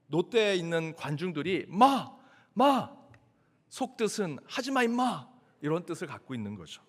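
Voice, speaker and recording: Male pastor, high lively voice, sermon with long hall reverb. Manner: animated preaching, acts out crowd chants.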